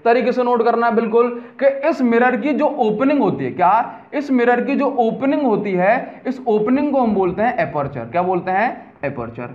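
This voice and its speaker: A man's voice: very high-pitched, animated, normal speed, hardly any pauses, dull audio. A man teaching a physics lesson in a lecture style, repeating key terms and checking that students follow. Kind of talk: classroom lecture.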